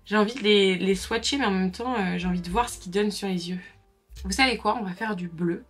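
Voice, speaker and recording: A young woman talks viewers through her makeup in a relaxed, chatty tutorial voice, often stopping to comment or correct herself. Her tone has a slightly husky edge. Soft music plays faintly in the background. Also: medium pitch, fairly quick. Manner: chatty, filler-heavy, talks to viewers while working. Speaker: makeup vlogger. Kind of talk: casual makeup tutorial chat.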